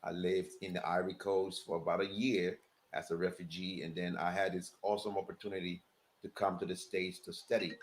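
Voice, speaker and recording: A man's voice: low voice, flat delivery, brisk, a little hiss or hum. A man, a guest answering interview questions earnestly with many fillers. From Liberia.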